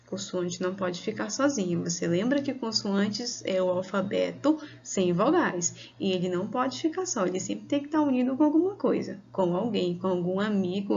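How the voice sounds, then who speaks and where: A woman teacher with a Brazilian Portuguese accent giving a video lesson to children, speaking slowly and patiently and drawing out words. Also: mid-range voice, creaky, lo-fi sound.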